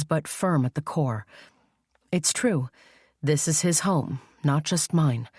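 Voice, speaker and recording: A woman with a low voice reads a first-person thriller audiobook. Her delivery turns emotional in dialogue, and the sound is dry and close to the mic. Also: darkish tone, no echo. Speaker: audiobook narrator.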